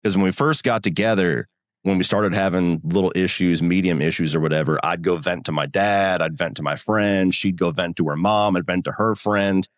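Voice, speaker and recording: A man's voice: sits low, normal speed, dry recording, clean studio sound. A man co-hosting a podcast in casual chat, talking bluntly and with plenty of profanity and restarts. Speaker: podcast co-host.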